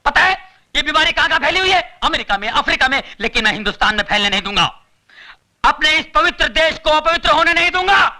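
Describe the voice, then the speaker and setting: A panicky, blustering comic coward. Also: male voice, very high voice, lively intonation, quick pace, bright, forceful tone, heavily acted. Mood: preachy, dramatic. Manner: rambling, theatrical, preachy then panicky. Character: cowardly blustering comic man, fast-talking and excitable. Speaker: comic brothel visitor posing as social worker. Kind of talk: 1990s Hindi film comic acting.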